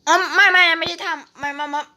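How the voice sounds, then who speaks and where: A woman chatting casually and excitedly while playing a video game, often repeating short phrases. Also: extremely high pitch, fast. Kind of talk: excited casual gaming chat. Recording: faint background noise, clicks.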